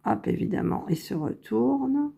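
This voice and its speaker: Woman, casual crafting vlogger, slow and mellow, low-ish voice, very close to the phone mic. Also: lively intonation, gravelly, breathy edge. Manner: unhurried, thinking aloud while working, self-correcting. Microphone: phone held very close to the face.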